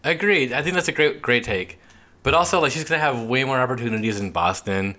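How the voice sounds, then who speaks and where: A young man co-hosting a podcast in casual chat, animated and quick to laugh, leaning on "like" a lot. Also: mid-range voice. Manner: animated, laughs often, many "like" fillers. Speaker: podcast co-host.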